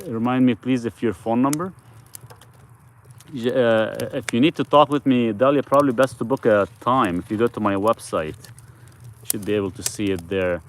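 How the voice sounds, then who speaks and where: A man's voice: mid-range voice, moderate pace, slight background noise. A man hosting a casual live stream, answering viewers' questions in a loose, rambling way with frequent restarts.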